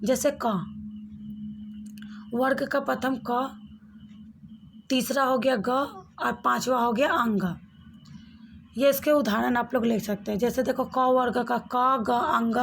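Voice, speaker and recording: A woman teacher giving a classroom grammar lesson, slowly sounding out each letter and speaking directly to her students. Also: on the high side, steady tone, gravelly, fairly bright tone, slight background noise. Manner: slow, demonstrates each sound aloud.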